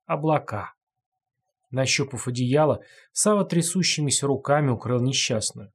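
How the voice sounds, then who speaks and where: A man narrates a dark story in a measured audiobook reading. His voice sits at a middle pitch and has a husky, breathy grain.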